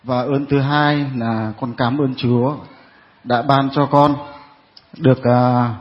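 A man in his forties, speaking softly and hesitantly as he gives testimony before a congregation. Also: medium pitch, fairly even intonation. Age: 40s. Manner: soft-spoken and hesitant, many pauses. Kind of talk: halting testimony. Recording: dull sound in a reverberant hall.

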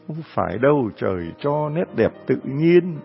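A man telling a folk tale, with animated delivery and chuckling asides, on a dull lo-fi recording. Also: mid-range voice, normal speed, creaky, soft background music. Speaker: storyteller.

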